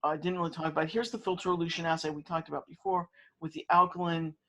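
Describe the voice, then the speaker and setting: A man's voice: a little high, flat delivery, a bit bright, poor audio. A man lecturing to students, talking through methods with frequent fillers and restarts. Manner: halting, many fillers and restarts. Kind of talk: university lecture.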